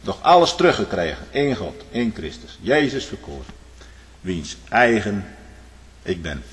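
A male preacher delivers a sermon in a large church hall, his voice carrying on a long reverb. He surges into loud, high-pitched exclamations and then sinks to hushed, low remarks. He turns to his listeners with a questioning "hm?" and speaks directly to the young people in the pews. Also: very animated, a little slow. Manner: swings between loud high outbursts and low quiet asides; tags lines with a questioning "hm?".

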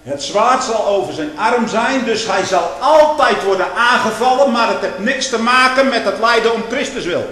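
An older man preaching a fiery sermon, swinging from hushed storytelling to loud, slow denunciation. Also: very high voice. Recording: echoey hall with long reverb.

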